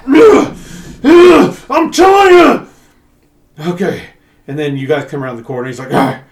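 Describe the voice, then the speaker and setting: A male game master narrating a tabletop session slowly and hesitantly, with a fairly high voice. His speech is full of fillers, and he is recorded in an echoey room. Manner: unhurried, hesitant, lots of fillers.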